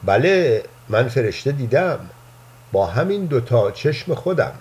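A man voicing a gentle, playful old man who earnestly believes in angels, speaking softly and confidingly. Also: medium pitch, sing-song, close to an everyday voice. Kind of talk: storybook reading.

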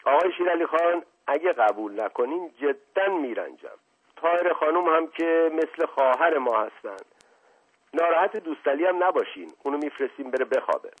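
A man voicing a jovial, flattering prince who coaxes with effusive politeness. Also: a little high, slightly rough, pitched above the performer's own voice. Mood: coaxing. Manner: fast, effusive, coaxing politeness. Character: jovial, flattering middle-aged male prince. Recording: tinny phone-like audio.

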